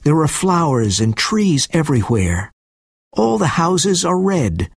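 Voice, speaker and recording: Clear, deliberate storybook narrator, woman. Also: sits low, sing-song, no room sound, studio quality. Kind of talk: slow graded storybook reading.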